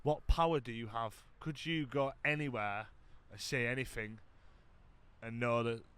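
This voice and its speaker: A man's voice: mid-range voice, steady tone, measured pace, fairly bright tone, clear, resonant tone. A British man co-hosting a podcast in casual banter, talking bluntly and swearing as if drunk. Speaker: podcast co-host.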